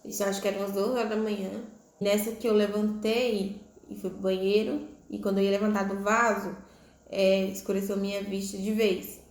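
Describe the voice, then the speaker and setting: A woman's voice: medium pitch, little pitch movement, a little fast, darkish tone. Young woman telling her birth story. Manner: conversational, frequent "né?" tag questions. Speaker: vlogger. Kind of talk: personal storytelling. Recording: echoey room.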